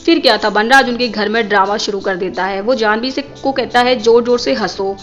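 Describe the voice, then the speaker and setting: A woman's voice: medium pitch, fairly quick, a bit bright, lo-fi sound, faint music behind. A woman narrating a scripted film recap, addressing viewers as guys.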